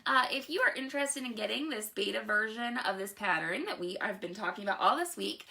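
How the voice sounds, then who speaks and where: A woman's voice: medium pitch, animated, fairly quick, creaky, sharp tone. A woman hosting a live sewing broadcast, chatty and self-mocking, talking through a chest cold. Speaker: sewing show host.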